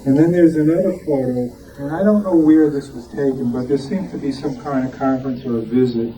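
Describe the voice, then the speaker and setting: A club member shows off his collection in an informal talk, hesitant and often groping for words, before an audience in the club's meeting room. His medium-pitched voice is brisk and mellow, heard through a distant, muffled room mic with background noise.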